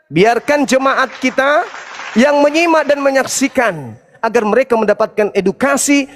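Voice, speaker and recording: A man with a high, lively voice delivers a combative debate speech, taunting and lecturing his listeners. His voice swoops up and down as he drives each point home. A long reverb trails every phrase, as if he stands in a large hall. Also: normal speed, a little hiss or hum. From Indonesia. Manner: taunting, preachy, emphatic. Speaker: Islamic apologetics debater.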